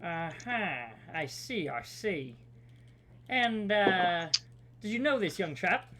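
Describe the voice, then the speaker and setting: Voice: mid-range voice, expressive, slow, a bit bright. Someone putting on a suspicious noir detective, faint background noise. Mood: suspicious, pushy. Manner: clipped, suspicious questioning. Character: nosy hard-boiled 1940s noir detective, pushy interrogator. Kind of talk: noir detective interrogation role-play.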